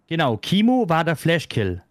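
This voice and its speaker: A man's voice: a little high, huge pitch swings, normal speed, no room sound, clean studio sound. A man in casual voice chat during a social deduction game, laying out what happened step by step to defend himself. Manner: lays out events step by step, defensive. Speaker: game player.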